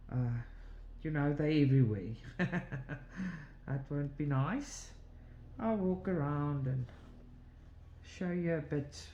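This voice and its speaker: A woman's voice: deep voice, darkish tone, muffled recording. A woman hosting a cross-stitch channel from her home, chatting casually while she stitches, rambling through asides and laughing often. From South Africa. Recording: roomy echo, faint background noise.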